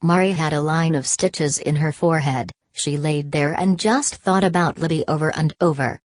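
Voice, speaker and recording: A woman reads a scripted superhero story as its narrator. Her voice sits low in pitch, and the recording is close and dry, with very little room sound. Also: moderate pace, dry recording. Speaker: audiobook narrator.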